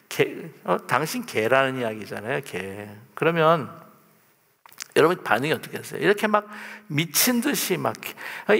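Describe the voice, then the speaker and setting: A male pastor giving a lively, conversational sermon from the pulpit, often turning to ask the congregation questions. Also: a little high, gravelly. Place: church sanctuary, at the pulpit. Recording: long church reverb.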